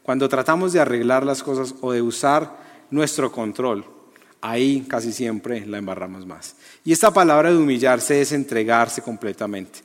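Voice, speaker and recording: A man preaching a lively, conversational sermon to young people, often asking the audience questions. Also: mid-range voice, normal speed. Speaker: youth preacher. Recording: long hall reverb.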